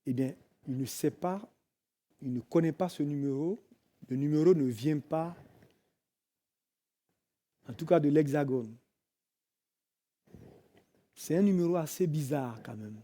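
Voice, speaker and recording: A man with a French accent preaching in church, telling a story dramatically, moving from hushed tones to loud cries and bits of sung hymn. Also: a little high, unhurried, long pauses. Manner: dramatic storytelling, swelling from hushed to shouting and singing. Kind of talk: sermon storytelling.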